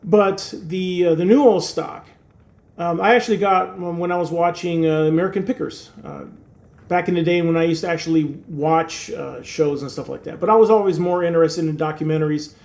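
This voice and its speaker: Speaking a little fast in a slightly high, creaky, somewhat mellow voice, this Turkish-born native speaker in his sixties addresses the camera in a casual talking-head monologue for his channel. Filler words and dry jokes at his own expense fill his rambling.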